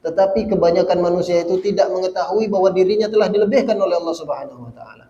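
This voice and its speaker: Animated preacher in an echoey mosque. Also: male voice, rapid-fire, muffled recording. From Indonesia. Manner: animated, rises loud and high when voicing scripture and the damned; addresses listeners as "Pak" often, folksy. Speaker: Islamic preacher. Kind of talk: mosque sermon to a congregation. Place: mosque hall. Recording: echoey mosque hall with faint ambience.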